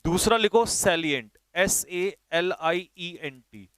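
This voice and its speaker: A man teaching a vocabulary class, brisk and directive, spelling words out letter by letter and urging students to write fast. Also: sits high, fairly bright tone, clear, resonant tone, no echo.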